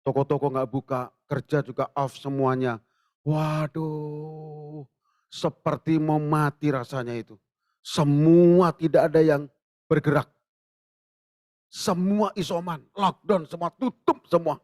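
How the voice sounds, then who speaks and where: A man preaching a sermon in church, telling stories with animated acted-out dialogue and jokes for the congregation. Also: on the high side, takes it slowly, dry recording, clean studio sound. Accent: Indonesian. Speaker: pastor. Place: church sanctuary.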